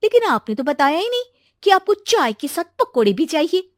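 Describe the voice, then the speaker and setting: A woman's voice: extremely high pitch, big pitch swings, normal speed, no room sound, studio quality, pitched above the performer's own voice. A woman voicing an outspoken, playful young woman about to marry, in a cartoon story. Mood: chirpy. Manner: chirpy, playful. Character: lively, outspoken young bride-to-be.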